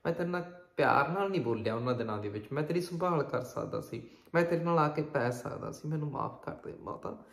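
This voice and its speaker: A man's voice: fairly high pitch, expressive, a little fast, gravelly. A man playing a grown son in his late thirties who speaks to his elderly mother, impatient at times and pleading at others. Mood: remorseful. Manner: pleading, then irritable and loud. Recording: roomy echo.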